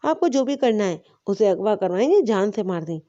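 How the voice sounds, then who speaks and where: A woman's voice: mid-range voice, lively intonation, dark tone, muffled recording, close to an everyday voice. A woman voicing a spoiled young woman pleading tearfully with her father. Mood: desperate. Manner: sobbing, pleading.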